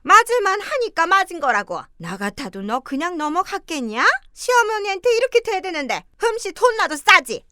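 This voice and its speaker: Middle-aged mother-in-law, played by a woman, shrill and bright-voiced, belittling and sharp-tongued, for a story drama. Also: sing-song, dry recording, clean studio sound, heavily acted. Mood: contemptuous. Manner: sneering, belittling, quick to shout. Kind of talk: audio drama acting.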